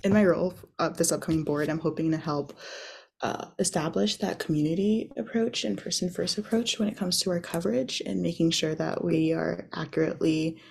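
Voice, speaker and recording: A young woman who is a student managing editor, speaking earnestly in quick bursts with fillers. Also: on the low side, creaky, a little mellow, breathy edge. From Georgia, USA. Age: young adult. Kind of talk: casual interview answers.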